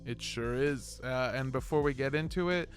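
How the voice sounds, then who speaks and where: A man's voice: mid-range voice, normal speed, faint music behind. A man co-hosting a casual comedy podcast, joking with his co-hosts and reading out listener news in a playful way. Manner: playful, jokey, reads listener reviews aloud. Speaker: podcast co-host.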